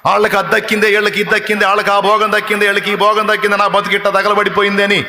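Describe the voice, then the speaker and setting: A man's voice: high-pitched, flat delivery, racing, bright, forceful tone, pitched above the performer's own voice, heavily acted. A man preacher voicing a grieving, devoted young woman searching for her lord, in a fervent, repetitive lament. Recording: long hall reverb.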